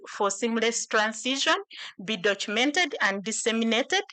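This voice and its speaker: Woman, conference presenter, bright tone, mid pitch, fillers and self-corrections, podium mic. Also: rough recording. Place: large conference hall.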